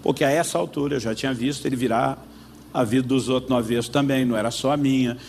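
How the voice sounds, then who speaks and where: A man's voice: mid-range voice, steady tone, fast talker, creaky, a little mellow, a little hiss or hum. A man with a Brazilian Portuguese accent preaching, telling a personal story and acting out both sides of a conversation. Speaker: pastor. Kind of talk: sermon storytelling.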